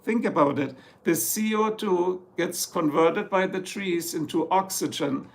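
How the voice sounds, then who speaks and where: A little slow and with vocal fry, this man's voice sits high. He's a German-accented livestream host from Germany, chatting from home in Ohio, US, reading comments, joking, rambling, and slipping into German now and then.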